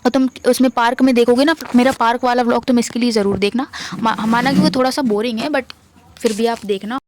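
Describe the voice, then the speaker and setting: A young woman with a slight lisp, excitedly telling a story to her vlog camera in a chatty, animated way. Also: on the high side, a little fast, a little hiss or hum. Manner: excited, chatty, quotes her mom in lively voices. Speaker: vlogger.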